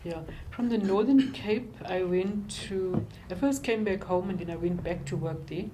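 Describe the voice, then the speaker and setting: An older woman with a South African accent, speaking in a halting, reflective way as she recounts her life and work in an interview. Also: medium pitch, noisy background.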